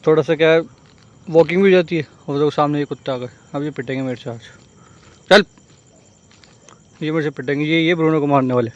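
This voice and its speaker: ऊँची आवाज़ वाला राजस्थानी लहजे का आदमी. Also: male voice, on the high side, steady tone, brisk, long pauses, muffled recording. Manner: chatty, playful, talks to kids and viewers. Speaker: family vlogger and father. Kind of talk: casual vlog narration. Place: home, indoors; later outdoors on a walk.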